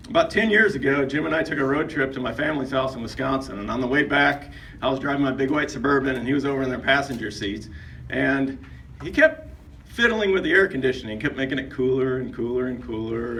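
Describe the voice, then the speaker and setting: A man's voice: medium pitch, fairly bright tone, far from the mic, a little hiss or hum. A man giving a humorous roast speech at a retirement party, a joking storyteller who builds each story up to a punchline.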